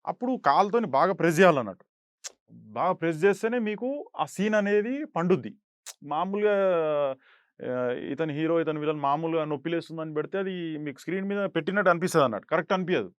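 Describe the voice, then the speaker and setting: A young actor tells stories from a film set and breaks into loud, acted-out quotes. His voice sits somewhat high, and the sound is dry and close. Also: expressive, fast, dry recording. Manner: acts out quoted lines in raised voice. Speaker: actor guest. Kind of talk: animated storytelling interview.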